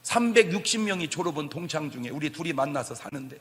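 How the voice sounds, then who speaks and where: A middle-aged male pastor preaching a sermon, swinging between loud shouts and soft asides and chuckling as he tells stories. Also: fairly high pitch, lively intonation, fast, big-room sound.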